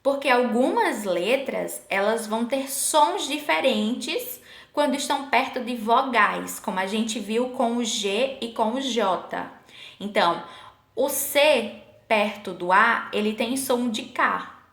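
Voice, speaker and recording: A woman's voice: fairly high pitch, lively intonation, fairly bright tone. Patient woman teacher in an echoey room. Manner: patient, asks the class questions, slows to spell out sample words. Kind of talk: online Portuguese lesson.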